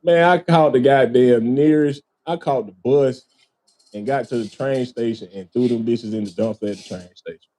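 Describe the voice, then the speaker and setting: A man's voice: mid-range voice, moderate pace, mellow. A man hosting a casual podcast, telling a long story with lots of swearing, laughter and "man" and "bro" thrown in. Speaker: podcast host.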